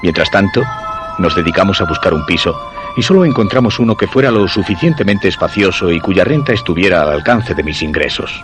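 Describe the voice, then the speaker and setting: Here a Castilian Spanish-accented actor takes the role of a curious and insistent husband relating a mysterious romance, radio-play style, measured and literary. His male voice is low, with a fairly bright tone.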